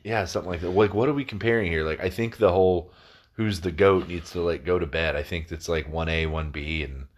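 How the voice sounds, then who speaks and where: A man with a very low, deep voice co-hosts a loose podcast conversation. He rambles through his points and swears freely. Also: fairly quick. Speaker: podcast co-host. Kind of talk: casual chat.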